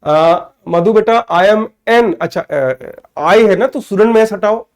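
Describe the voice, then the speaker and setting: A man with an Indian accent teaching an online English grammar class, calling students by name, checking they follow, and saying English phrases slowly word by word. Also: high-pitched. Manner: addresses students by name, asks "clear?" often; mixes Hindi with slow, spelled-out English.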